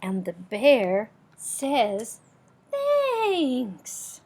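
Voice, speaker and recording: An older woman with a grandmotherly, gentle manner, reading a storybook aloud and chatting to young listeners. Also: fairly high pitch, expressive, takes it slowly, husky.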